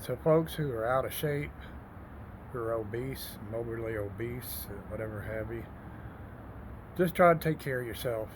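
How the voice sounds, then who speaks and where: A man's voice: mid-range voice, moderate pace, pauses often. A man in his sixties talking plainly and casually to his viewers as a motivational fitness vlogger. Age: 60s. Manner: plain-spoken, addressing viewers as folks. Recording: noisy recording with vehicle ambience.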